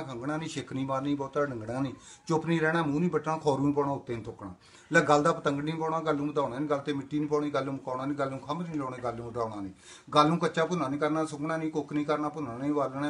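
An older man from Indian Punjab runs through a comic monologue as one long rhyming list, line after line in a sing-song beat. He talks extremely fast, barely pausing between phrases, with a slightly raised pitch. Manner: chanting long rhythmic lists in a sing-song. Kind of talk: rapid-fire rhyming comic patter.

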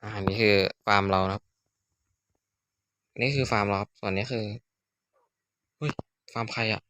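A man's voice: on the low side, normal speed, bright, forceful tone. A young man chatting casually as he plays, joking at himself and blurting out sudden exclamations. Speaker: gaming YouTuber. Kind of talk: casual Minecraft let's-play commentary.

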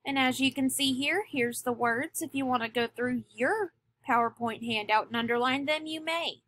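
A woman teacher giving a recorded lesson, speaking deliberately and stressing key words. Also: high voice, a bit bright. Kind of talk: recorded classroom lecture.

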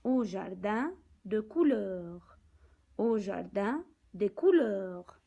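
A woman teaching young children from a picture book, speaking slowly and deliberately, repeating words and counting aloud. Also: mid-range voice, lively intonation, vocal fry, dark tone, highs cut off.

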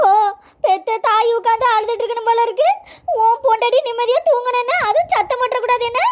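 A bossy old mother-in-law with a Tirunelveli accent scolds in rural slang. Her cartoon voice sits extremely high and squeaky, and it stays sharp-tongued throughout. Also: steady tone, fast talker, a little hiss or hum. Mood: scolding. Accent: Tirunelveli Tamil. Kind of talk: cartoon serial voice acting.

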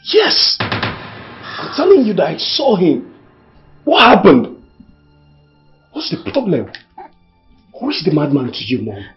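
A man's voice: on the high side, wildly swooping pitch, takes it slowly, long pauses, full character voice. A man playing an insistent grown son questioning his mother. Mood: urgent. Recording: dull film audio with music.

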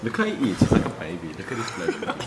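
A man's voice: low-pitched, huge pitch swings, fast. A young man with a South African accent in casual, teasing banter with friends. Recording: noisy handheld camera audio.

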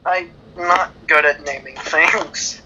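A man's voice: fairly high pitch, steady tone, slow pace, pushed and bright, slight background noise, low-quality recording. A man joining a gaming session as a guest, chatting casually in a joking, playful way. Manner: joking, playful, silly interjections. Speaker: guest player. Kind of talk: casual gameplay chat.

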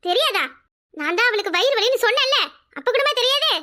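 Woman doing a shrill scolding cartoon mother. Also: lively intonation, fast, sharp tone, heavily acted. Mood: shocked scolding. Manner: shocked, scolding, reproachful. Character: worried older mother, scolding her son.

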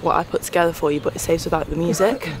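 A man's voice: on the high side, fairly even intonation, very fast, crowd noise. A man explaining something casually, stopping and restarting as he goes. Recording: noisy background.

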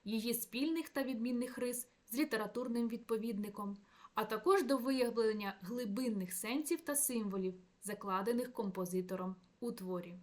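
A young woman presents a scholarly paper in a measured, read-aloud manner. Her voice sits a little high, and she leans on the stresses when she quotes verse lines. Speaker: academic presenter. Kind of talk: read academic talk.

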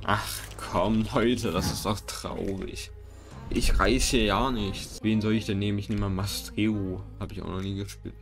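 A young man giving casual gameplay commentary, excitable and self-mocking, often swearing. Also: lowish voice. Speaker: gaming YouTuber. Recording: game music and gunfire behind. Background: game music and gunfire.

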